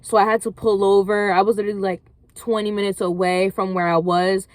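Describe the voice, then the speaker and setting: A woman's voice: mid-range voice, little pitch movement, a little fast, no echo. A young woman, talking casually in a vlog, encouraging viewers in a rambling way full of "like". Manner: rambling, heavy use of "like", encouraging. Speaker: vlogger. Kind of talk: casual motivational talk.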